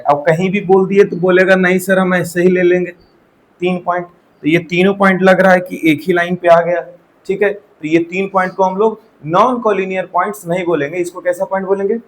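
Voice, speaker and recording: A man's voice: high-pitched, a little hiss or hum, poor audio. A man teaching a maths lesson in a classroom, often quizzing his students and checking that they follow. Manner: asks the class questions and checks with repeated "theek hai". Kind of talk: classroom lecture.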